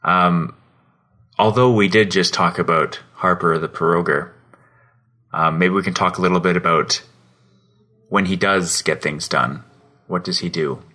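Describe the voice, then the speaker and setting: A Canadian man with a very deep yet bright, forceful voice co-hosts a podcast. He chats casually, laughing often and feeling his way through his words. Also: a little slow, pauses often. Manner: laid-back and laughing, searching for words. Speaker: podcast co-host.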